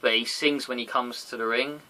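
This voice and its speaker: A man's voice: medium pitch, steady tone, normal speed, bright, forceful tone. A man hosting a casual wrestling review podcast, chatty and rambling, on a noisy home recording. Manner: chatty, rambling, breaks into silly sung impressions. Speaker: podcast host.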